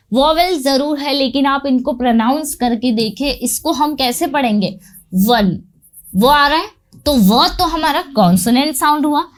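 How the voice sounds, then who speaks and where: Indian-accented woman as English teacher, fairly high voice, patient step-by-step explanations, asks and answers herself. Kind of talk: spoken grammar lesson.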